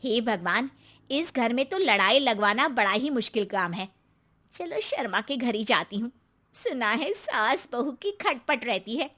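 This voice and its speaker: Cartoon meddler auntie, middle-aged woman, high bright nosy voice, done by a woman. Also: expressive, unhurried, full character voice. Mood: gossipy. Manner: nosy, stirring up quarrels.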